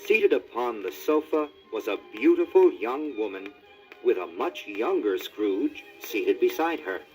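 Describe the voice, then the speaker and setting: A man narrating a children's storybook record, with expressive, scripted delivery. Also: medium pitch, a little slow, faint music behind, poor audio. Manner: animated, expressive.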